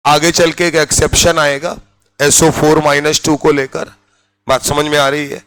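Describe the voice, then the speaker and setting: A man's voice: on the high side, level tone, moderate pace, a bit bright, clean tone, poor audio. A man teaching a chemistry class in Hindi, drilling students with repeated check-in questions and spelling out each term. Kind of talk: classroom lecture.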